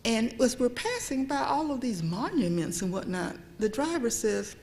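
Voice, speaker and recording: A woman with a fairly high, sing-song, slightly mellow voice speaks at a moderate pace as a guest at a church event, giving a public talk on history in a church meeting room. Her manner is conversational, and she checks in with listeners by asking "okay?" and drops almost to a whisper to stress a point.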